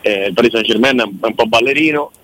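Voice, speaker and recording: A man's voice: mid-range voice, fast talker, fairly bright tone, rough recording. A man giving casual on-air sports analysis in a discursive, opinionated way. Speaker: sports commentator.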